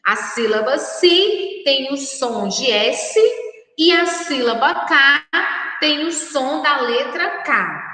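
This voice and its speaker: A middle-aged woman teacher giving a slow, patient lesson to young children, spelling out syllables one by one. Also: high-pitched, lively intonation, bright, forceful tone. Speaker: primary school teacher. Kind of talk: recorded classroom lesson for children. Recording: echoey room, mic far off.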